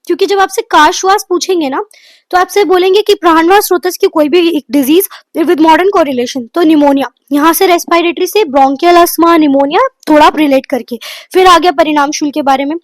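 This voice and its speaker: A woman giving a quick exam revision lecture, running through lists of topics and mixing in English terms. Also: very high voice, no echo. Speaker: exam prep tutor.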